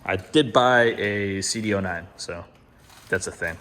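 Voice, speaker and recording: A vlog host chats casually to camera about his car and bike builds in a slangy, self-deprecating, sweary way. His voice sits on the low side, unhurried and fairly bright in tone.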